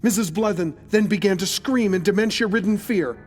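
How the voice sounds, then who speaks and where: Soft music underscores a man narrating a horror audio drama from a script. His voice leans high, his pace is a little fast, and he tells the tale with dramatic suspense.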